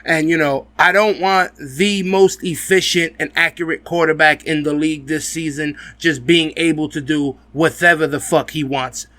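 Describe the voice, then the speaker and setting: A man's voice: a little high, steady tone, normal speed, hardly any pauses, pushed and bright, dry recording. A man with a slight lisp hosting a sports fan podcast, giving blunt, emphatic, profane commentary and speaking straight to the fans. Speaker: host of a football fan video podcast.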